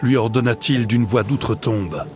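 A man's voice: mid-range voice, moderate pace, over music. Man narrating a storybook dramatically. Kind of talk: audiobook narration.

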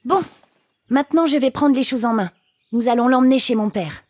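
A woman's voice: high-pitched, fairly quick, darkish tone, no echo. A woman voicing a bold, teasing young girl who takes charge in an audiobook drama. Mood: self-assured. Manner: teasing, self-assured.

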